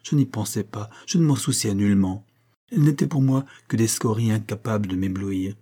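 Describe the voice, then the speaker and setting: A man reading a classic novel aloud as a first-person audiobook narration, earnest and measured. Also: on the low side, mellow. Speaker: audiobook reader.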